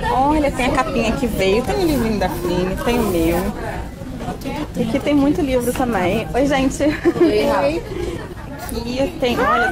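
A woman author chatting casually while filming a walkthrough of an event, excited and greeting people as she goes. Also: on the high side. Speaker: author vlogging at a book event. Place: busy indoor event venue. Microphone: handheld phone camera. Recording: loud crowd noise around. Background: loud crowd chatter.

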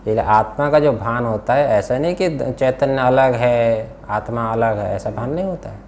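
Indian-accented male teacher, scripture class, asks students questions and repeats key terms; mid pitch. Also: normal speed, darkish tone, a little hiss or hum. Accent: Hindi-speaking Indian. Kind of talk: classroom lesson, explaining a text.

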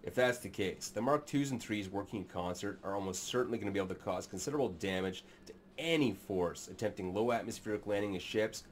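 Fast and fairly low-pitched, this man talks over slight background noise. He hosts a sci-fi narration channel, is in his thirties, and sits in a small room aiming sarcastic, crude, mock-serious commentary at his webcam.

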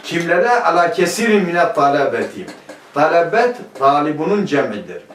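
A man's voice: a little high, sing-song, normal speed, a bit bright. Guy teaching a class, keeps asking questions and answering himself, roomy echo. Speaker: teacher of Arabic grammar. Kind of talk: classroom lecture. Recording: echoey room, mic at a distance.

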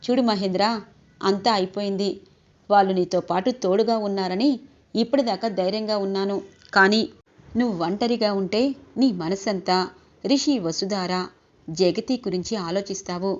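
A woman's voice: medium pitch, a little mellow, close to an everyday voice. Woman reading a firm, protective older brother. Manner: firm, pleading, insistent. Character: protective, insistent older brother, middle-aged man. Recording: dull lo-fi recording.

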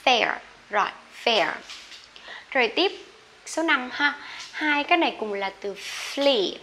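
A woman with a Vietnamese accent runs a friendly vocabulary lesson, talking to viewers directly. Her voice is bright and slightly high. She says each word over and over for them to repeat, with light noise behind her. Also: expressive, slow. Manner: chatty, addresses viewers, repeats words for drilling. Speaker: English teacher.

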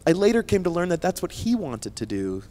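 A man in his thirties, a scientist and company founder, gives a keynote at an indoor conference, speaking on stage into a handheld mic. His voice is high, mellow and sing-song, moving fairly quickly as he delivers an emphatic motivational talk to students. He keeps checking in with the crowd, tagging lines with "right?"

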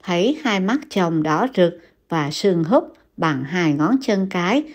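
Slow, measured woman narrator. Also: fairly low pitch. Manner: calm, measured storytelling. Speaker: audiobook narrator. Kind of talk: reading a classic novel aloud.

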